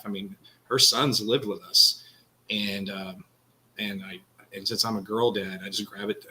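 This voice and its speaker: A man's voice: lowish voice, bright, forceful tone, a little hiss or hum, poor audio. A man with a Texan accent, co-hosting a podcast and talking earnestly in a rambling, casual way. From Texas. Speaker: podcast co-host. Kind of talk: casual candid conversation.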